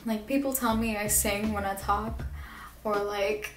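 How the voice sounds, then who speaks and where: In an echoey little bare room, a young vlogger from the Philippines speaks frankly to her camera, peppering her talk with "like", curses and laughs. Her mid-range voice has fairly even intonation and a measured pace, picked up from a distance with faint music behind.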